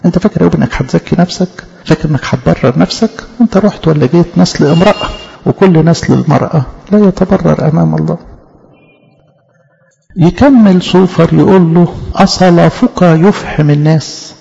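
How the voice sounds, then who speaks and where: A man with an Egyptian Arabic accent teaching scripture in an emphatic sermon, asking rhetorical questions and reading verses slowly. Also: fairly high pitch, vocal fry, warm tone. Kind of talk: Bible study sermon. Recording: reverberant hall, dull lo-fi sound.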